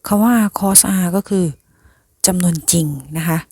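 A woman's voice: fairly low pitch, measured pace, a little mellow, breathy edge, no room sound, clean studio sound. A woman teacher patiently explaining a math lesson to her students, often calling them "child" affectionately.

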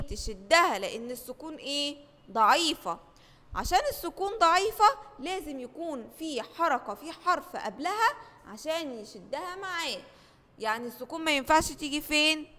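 A woman with an Egyptian accent leads a lesson for young children in a bright, high voice. She asks question after question, answers them herself and stretches out each example word slowly. The voice rings with a long reverb. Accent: Egyptian Arabic. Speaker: primary school teacher. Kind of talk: recorded lesson for first graders.

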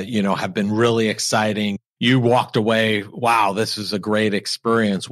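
A man's voice: fairly low pitch, no echo, studio quality. A middle-aged man with an American accent, interviewing a guest as a podcast host in a conversational way.

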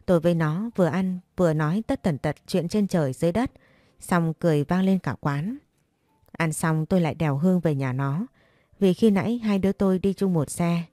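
A woman's voice: fairly low pitch, fairly quick, dark tone, dry recording, clean studio sound. A woman reading a first-person short story aloud as a storyteller, voicing the characters' lines in her own voice. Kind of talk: scripted first-person narration.

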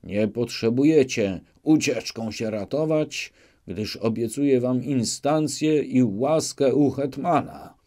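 A proud young knight, swept up in zeal, proclaiming his words in a low, dark, unhurried voice, as a male narrator puts him on. He speaks loftily and fervently, stretching each phrase slowly, as in a storybook reading. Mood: lofty. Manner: declaiming, elated and lofty.

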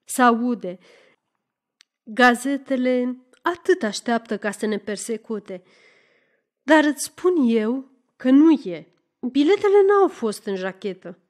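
A woman's voice: fairly high pitch, expressive, a little mellow, natural voice. Woman reading a self-important police chief, pompous and confiding, storybook.

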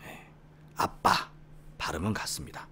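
A man's voice: normal speed, bright, forceful tone. A middle-aged man from Korea's Gyeongsang region giving an English lecture, talking conversationally, checking in with the listener and repeating key words. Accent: Korean with Gyeongsang roots. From Gyeongsang region, South Korea. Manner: conversational, often seeking agreement with the listener; repeats key words and drops into a near whisper. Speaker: English academy teacher. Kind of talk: explanatory lecture.

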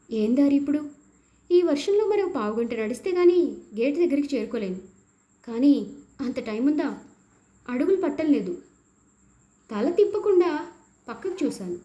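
Expressive woman narrating a story. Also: high-pitched. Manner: expressive first-person storytelling, tense and emotional.

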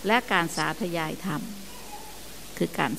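An older woman, a nun on a radio show, gently teaching about chanting and family life. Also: measured pace, slight background noise. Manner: gentle teaching, sometimes laughs and mimics chanting. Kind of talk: dharma talk on radio.

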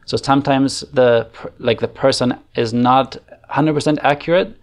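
Recording at home into a desk microphone on an arm, a man in his thirties with a German accent gives a casual screen-share software tutorial as an online facilitation trainer. His medium-pitched voice is fairly even at a normal speed, and he thinks aloud with fillers.

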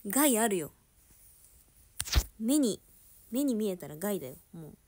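Giggly woman streamer with a lively voice. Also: mid-range voice, measured pace, noisy background. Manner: giggly, laughs often, drops into soft murmurs. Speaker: idol livestreamer chatting with viewers. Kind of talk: casual livestream chat.

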